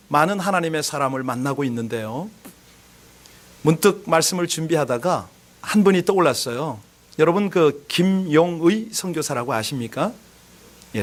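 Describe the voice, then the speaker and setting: A male pastor giving a sermon, earnestly asking the congregation questions and telling a story with rising emphasis. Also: fairly high pitch.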